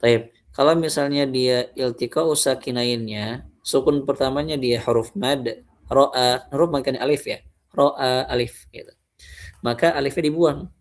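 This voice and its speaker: Man, recitation teacher, gravelly voice, casual lesson, slow drawn-out recited examples. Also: medium pitch. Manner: explains then recites examples slowly and drawn out.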